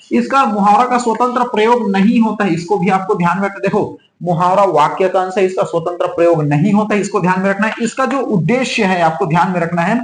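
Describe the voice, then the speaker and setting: A man's voice: high-pitched, echoey room, low-quality recording. Repetitive man teaching an exam class. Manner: repetitive, drills points with frequent "theek hai". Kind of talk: online exam-prep lesson.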